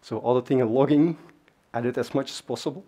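Warm and husky, his medium-pitched voice moves quickly as this man gives a casual tech talk on a large, dark conference stage. Dutch is his first language, and he speaks conversationally with many fillers and tangents.

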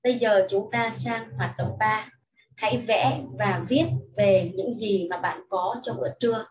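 A woman teaching young children English in a slow, patient lesson, reading each sentence and explaining it in Vietnamese. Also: medium pitch, steady tone, darkish tone, far from the mic, lo-fi sound. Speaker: primary school English teacher.

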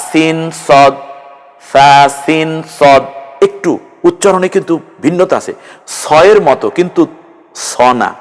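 A man leads an online Quran lesson, naming Arabic letters one by one and carefully demonstrating how each should sound. His voice sits at an ordinary pitch. A long reverb trails behind his words. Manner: patient, drills letters one by one, models pronunciation slowly. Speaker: Quran teacher.

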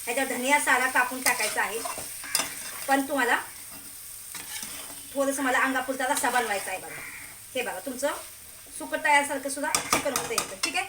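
Home cook host, Marathi-accented woman, high voice, echoey kitchen, sizzling pan behind. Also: fairly quick, pauses often. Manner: chatty, keeps asking "okay?" and telling viewers to look. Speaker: home cooking channel host. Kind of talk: casual cooking demonstration. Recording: echoey kitchen with cooking noise. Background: sizzling pan and clattering pots.

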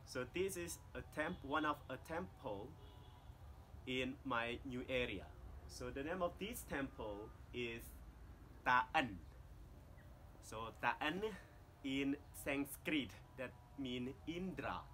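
A man's voice: medium pitch, lively intonation, takes it slowly, pushed and bright, a little hiss or hum. A Cambodian man in his thirties, a tour guide speaking careful non-native English while explaining a temple outdoors to the camera. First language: Khmer. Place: outdoors among jungle temple ruins.

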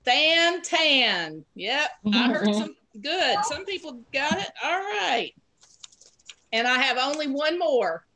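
Bright encouraging pre-K teacher woman. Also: a little high. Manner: encouraging, patient, slow clear prompts. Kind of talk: online class lesson. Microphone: video call.

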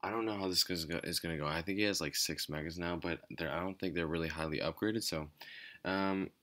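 A man giving casual, off-the-cuff game commentary in a quiet, low-energy, hesitant and rambling way. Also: steady tone, a little fast. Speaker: gaming channel host. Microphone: speaking away from the mic at times.

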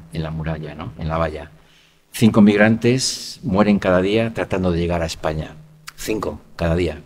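A man's voice: deep voice, husky. A man from giving a reflective conference talk, often ending phrases with a questioning tag. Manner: reflective, many rhetorical "¿no?" tags. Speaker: lecturer. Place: conference hall. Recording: lecture hall with long reverb.

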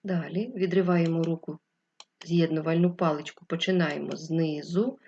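A woman teacher giving a slow, clear, patient literacy lesson to young children. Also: low-pitched, fairly even intonation, warm tone, muffled recording. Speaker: first-grade teacher. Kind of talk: distance-learning literacy lesson.

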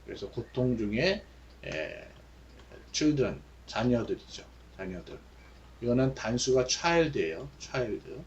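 A male teacher leads a Bible English lesson at a very unhurried pace. He reads each verse slowly, then explains it with frequent fillers. The recording sounds dull and slightly lo-fi. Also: medium pitch, very animated, a little hiss or hum.

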